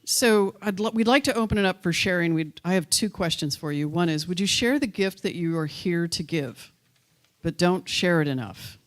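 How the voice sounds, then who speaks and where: A woman's voice: lowish voice, normal speed. A woman minister speaking casually and playfully to her congregation, inviting people to share. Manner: playful, encouraging, jokes with the congregation. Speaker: minister leading a sharing circle. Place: church hall.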